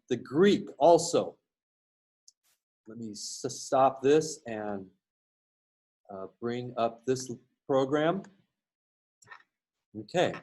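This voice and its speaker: A male instructor giving a recorded lesson while sharing his screen, explaining patiently and often pausing on fillers and restarts. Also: medium pitch, darkish tone. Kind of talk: recorded lecture with screen share.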